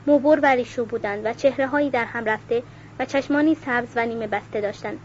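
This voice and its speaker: A woman narrates a novel aloud in a steady, even voice that sits a little high. The recording is dull and lo-fi, with a faint hiss underneath. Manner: steady, even reading with occasional self-corrections. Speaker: audiobook reader.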